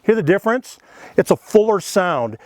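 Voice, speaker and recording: This middle-aged man, an elk calling instructor, has a high, very animated voice at a moderate pace, with heavy background noise. He gives a casual demonstration, folksy and earnest, explaining step by step with friendly asides and plenty of "you know" and "okay."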